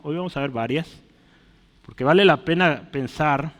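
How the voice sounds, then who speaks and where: Preacher man in a reverberant hall. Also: on the high side. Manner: explains slowly, writing words on a board; asks "¿verdad?" and "¿sí?" often. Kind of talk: sermon.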